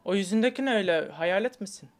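A woman trolls strangers on a video chat, joking and bantering in a loose, slangy way. She puts on a mock magician's patter. Her voice sits at an ordinary middle pitch. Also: lively intonation, fast. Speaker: online video chat prankster.

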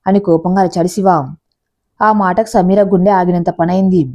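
Brief: female storyteller, steady scripted narration, warm dark tone. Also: on the low side, a little fast.

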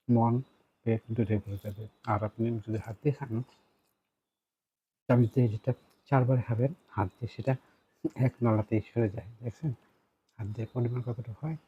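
A Bangladeshi man with a husky voice chats casually to viewers in a mukbang eating show, making unhurried, repetitive remarks between bites. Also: mid-range voice, narrow, tinny audio. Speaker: food vlogger eating on camera.

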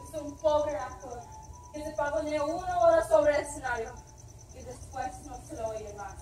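A woman reciting verse on stage in a measured, declamatory way. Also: high voice, a little mellow, slight background noise. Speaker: performer reciting translations. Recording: echoey stage from far off.

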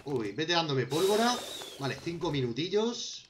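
A man's voice: on the high side, very animated, moderate pace, noisy background. A young man with a Spanish accent, casually commenting on a survival game as he crafts, talking to himself and to his viewers. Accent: Spain. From Spain. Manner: talks to himself while crafting, addressing viewers as friends. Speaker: gameplay commentator.

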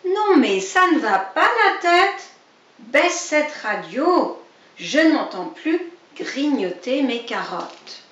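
A woman voicing a grumpy, quarrelsome male rabbit in a storybook reading, scolding loudly. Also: high-pitched, sing-song, takes it slowly, voice pushed up, exaggerated voice. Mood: indignant. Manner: indignant, loud scolding. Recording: dull, roomy, distant recording.

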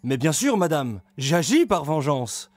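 A man voicing a brawny, furious medieval lord who speaks loud, coarse and vehement, with soft music behind. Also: on the high side, sing-song, a little slow, no echo, voice pushed up. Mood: blunt.

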